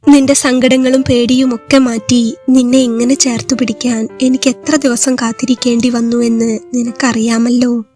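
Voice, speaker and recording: Gentle, loving young husband in a storybook, read by a woman, soft-spoken, even and level delivery. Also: extremely high pitch, moderate pace, soft background music. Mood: tender. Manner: soft, affectionate speech.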